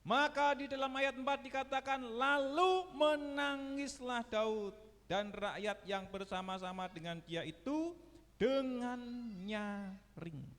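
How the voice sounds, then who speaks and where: A male pastor delivers a sermon in a high, unhurried voice, rising loud and dropping low as he asks his listeners questions. The sound carries the long reverb of a church hall. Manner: preaching with sweeping swings of pitch and volume, asking the congregation questions.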